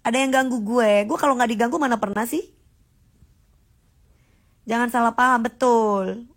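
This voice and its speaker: A woman's voice: fairly high pitch, steady tone, normal speed. Sassy, combative woman ranting on livestream. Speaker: livestream host. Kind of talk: casual livestream rant.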